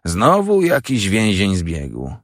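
A gentle, simple-hearted grown man who explains things in a plain, mild way, voiced by a storybook reader. His voice sits a little raised and lively, with a gravelly grain, in a dry close sound. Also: on the low side, slow pace, no room sound, exaggerated voice. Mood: explaining.

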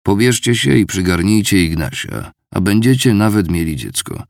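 A man's voice: low voice, big pitch swings, moderate pace, vocal fry, no echo, clean studio sound, voice pushed up, exaggerated voice. A man voicing a gloomy old clerk who complains in a grumbling way. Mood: brisk practical. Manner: complaining, head-shaking grumble.

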